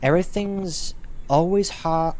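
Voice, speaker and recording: A man's voice: high-pitched, unhurried, darkish tone, slight background noise, poor audio. Reflective man narrating his gameplay. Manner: thoughtful, reflective, talks to himself while playing. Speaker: gaming YouTuber. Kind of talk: let's play commentary, reading game text aloud.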